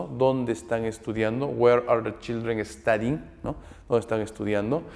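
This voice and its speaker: A male teacher explains grammar patiently, stopping often to check in with quick tag questions. He slows right down to say each English example clearly. His mid-pitched voice rings with a long reverb. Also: a little mellow. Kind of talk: recorded lesson.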